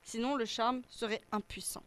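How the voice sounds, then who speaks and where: A woman voicing a small, gentle female fairy who keeps order, in a measured storybook voice. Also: on the high side, fairly even intonation, clear, resonant tone, lightly acted. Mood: calm, firm.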